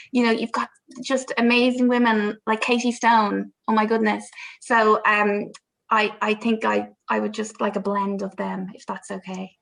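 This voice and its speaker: Gravelly-edged woman, chatty and hesitant. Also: on the high side, fairly bright tone. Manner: chatty and hesitant, many ums and restarts. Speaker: poker PR director, panel guest. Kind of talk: casual panel discussion.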